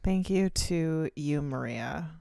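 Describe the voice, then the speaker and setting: A woman's voice: deep voice, lively intonation, slow pace, vocal fry, warm tone, dry recording. A young woman co-hosting a podcast in casual chat, playful and self-mocking, speaking right into a close studio mic. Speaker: podcast co-host. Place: home studio, seated against a wall. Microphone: studio microphone, pressed close.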